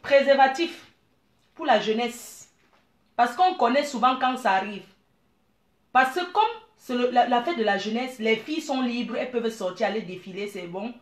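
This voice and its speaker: A middle-aged woman from Cameroon, giving blunt, animated advice and calling her listeners dear. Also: on the high side, moderate pace, roomy sound. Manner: blunt, animated, calls listeners "maman" and "ma chérie". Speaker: business owner. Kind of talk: frank advice monologue.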